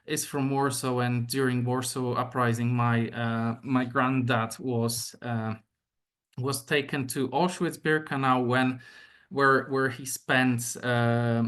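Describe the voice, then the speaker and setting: Delivering an online academic seminar, a young Polish man speaks with the accent of his native language. His mid-range voice is level in tone and slightly bright, broken up by frequent pauses, filler words and repetitions.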